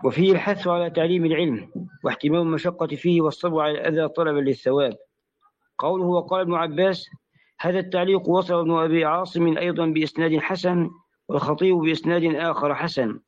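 A man's voice: on the high side, fairly even intonation, fast. A man reading a classical commentary aloud in a study lesson, carefully spelling out vowels and letters, heard on a dull lo-fi recording. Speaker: student reading the text aloud.

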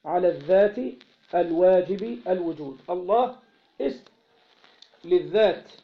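A man with an Egyptian Arabic accent teaching a classical text, reading each passage slowly and loudly, then explaining it by asking short questions and answering them himself. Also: high voice, lo-fi sound. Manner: reads the quoted text slowly and more loudly. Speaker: religious studies teacher.

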